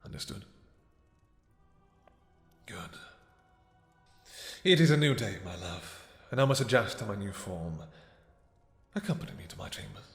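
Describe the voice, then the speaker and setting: A man playing a possessive, lovesick vampire king in a romantic fantasy roleplay, speaking in formal, halting, commanding endearments that often sink to a breathy near-whisper. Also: on the low side, very animated, reverberant, big-room sound. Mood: possessive, tender.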